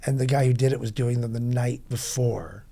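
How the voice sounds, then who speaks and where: A middle-aged man rambling through club memories in a casual podcast chat, full of quick asides. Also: medium pitch, fairly even intonation, creaky, mellow, husky. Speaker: club veteran guest.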